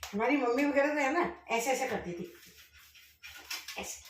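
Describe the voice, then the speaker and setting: A middle-aged woman cooking in her home kitchen, chatting directly to her viewers and speaking loudly on purpose. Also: high-pitched, a little slow, distant mic, a little hiss or hum. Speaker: vlogger. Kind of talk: casual cooking vlog. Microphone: camera set up at a distance. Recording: echoey kitchen, voice off-mic.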